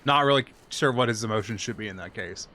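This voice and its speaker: A man's voice: fairly low pitch, fast, bright, forceful tone, a little hiss or hum. A man giving casual, rambling gameplay commentary, sweary and self-deprecating. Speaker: game streamer.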